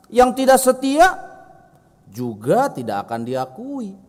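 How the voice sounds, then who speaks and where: A man preaching a sermon in a church, talking directly to the congregation and telling a story with vivid voices. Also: high voice. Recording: echoey church hall.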